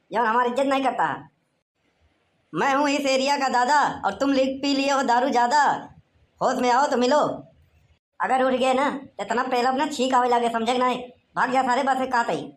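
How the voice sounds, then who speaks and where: A woman's voice: high voice, roomy sound, natural voice. A woman voicing a drunk, boastful male local goon in a cartoon, with an Awadhi accent and a slurred, rambling, bossy way of talking. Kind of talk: cartoon voice acting.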